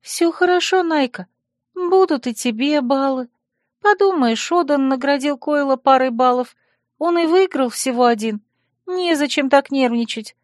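Audiobook role: caring young female student, put on by a woman reader, high, soft, fretful, dry studio sound. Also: measured pace, dry recording. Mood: soothing. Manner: soft, soothing, anxious. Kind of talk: audiobook character voice.

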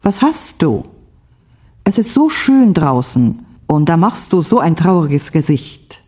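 Lady doing a sweet-talking husband, slow and low, kinda husky. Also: big pitch swings, dark tone, full character voice. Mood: coaxing. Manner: coaxing, reassuring. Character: middle-aged husband, gentle and scheming.

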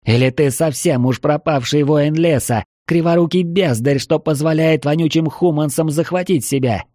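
A man's voice: fairly high pitch, normal speed, a little mellow, dry recording, clean studio sound, pitched above the performer's own voice, natural voice. A man voicing a fierce, proud elderly elf woman held prisoner, hissing and scornful.

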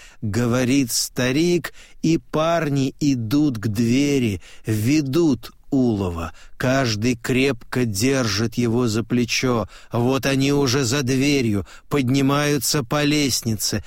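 A man reading a literary novel aloud in calm, measured audiobook narration. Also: mid-range voice, dry recording, studio quality. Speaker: audiobook reader.

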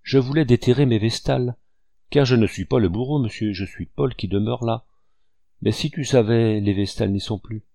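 A man's voice: medium pitch, moderate pace, creaky, warm tone, no room sound. A man reading a storybook voices a mischievous little boy who taunts, coaxes and pleads. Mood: pleading. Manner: playful, taunting, breathless pleading. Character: cruel then remorseful little boy.

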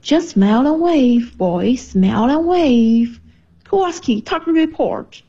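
A woman's voice: high-pitched, lively intonation, takes it slowly, warm tone, slightly rough, heavily acted. A young woman dubbing a bossy penguin leader who gives clipped orders, on a dull played-back recording. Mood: commanding.

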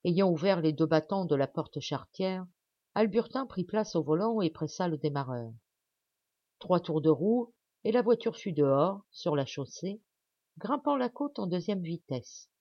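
Brief: woman audiobook reader, measured narration, medium pitch; dry, slightly dull home recording. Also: animated, dry recording.

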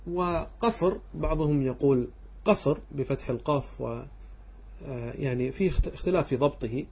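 A man's voice: medium pitch, slightly rough. A man, a sheikh, giving a classroom lecture that explains a text line by line, asking his students questions and answering them himself. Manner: checks understanding with short asides. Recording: dull lo-fi lecture recording.

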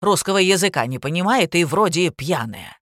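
A woman voicing a coarse, rude middle-aged female hotel clerk who scolds loudly in blunt slang. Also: animated, normal speed, no echo, clean studio sound. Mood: shrieking. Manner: shrill, scolding, coarse colloquial speech.

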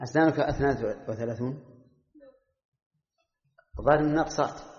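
A man's voice: medium pitch, fairly quick. An older man teaching a class, drilling pronunciations aloud and quizzing his students by name. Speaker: Islamic scholar teaching a class. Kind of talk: classroom lesson with questions to students. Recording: dull lo-fi recording in an echoey hall.

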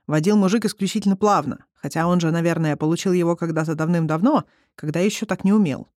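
An audiobook narrator reading a novel chapter in an even storytelling manner. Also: mid-range voice, quick pace, dry recording, clean studio sound. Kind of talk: scripted narration.

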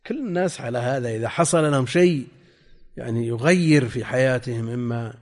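An older man teaching a classical text lesson, reading passages slowly, repeating and spelling out word forms, and putting questions to his students. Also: medium pitch, a little mellow. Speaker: sheikh teaching hadith commentary. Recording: lecture hall with long reverb.

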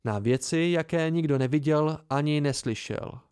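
A man voicing a weary, soft-spoken innkeeper in an amateur audiobook, with a raised, plaintive delivery. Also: fairly high pitch, clean tone, dry recording, clean studio sound, lightly acted.

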